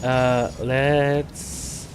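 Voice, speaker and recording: A German man speaks with a German accent in a mid-range, level voice, chatting casually as he plays a game. This gaming streamer often repeats words and pauses with fillers, and there's noise in the background.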